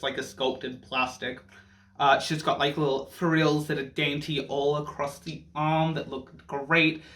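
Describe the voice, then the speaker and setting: Male reviewer, campy drag-queen delivery, slightly high pitch, very bright tone, casual reaction commentary.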